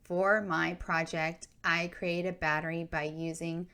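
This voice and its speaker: A woman's voice: on the low side, flat delivery, unhurried, sharp tone. A woman voicing a shy, whining fifth-grade girl who hesitates over her words in a spoken memoir. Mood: whiny, reluctant.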